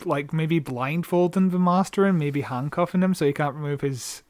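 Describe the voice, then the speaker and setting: Male podcast co-host, a bit higher-pitched, swears a lot, tight dry sound. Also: moderate pace, darkish tone, no room sound. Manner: swears freely, frequent laughs and restarts. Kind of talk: casual chat.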